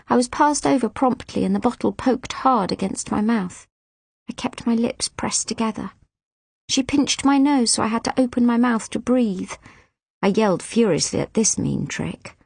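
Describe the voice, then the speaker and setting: A woman reading a children's audiobook in an expressive, emotive first-person storytelling style. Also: a little high, normal speed, gravelly, breathy edge, no echo. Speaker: audiobook reader. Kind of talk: scripted first-person narration.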